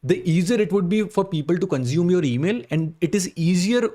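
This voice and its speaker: Man, Indian accent, fairly high pitch, blunt explanatory critique, instructive, frequent tag questions. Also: animated, brisk, dark tone. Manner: blunt, instructive, repeats points with frequent "okay?" tags. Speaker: video creator reviewing job application emails.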